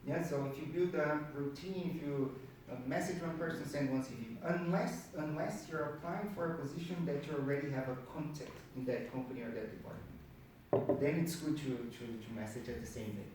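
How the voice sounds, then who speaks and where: Speaking to a group at a career networking meetup, this Portuguese-native man from Brazil has a brisk, somewhat high, slightly mellow voice and a Brazilian accent. His presentation is informal and chatty, and he repeats words to stress them. It was captured indoors before an audience, with heavy room echo, a far-off microphone and a little background noise.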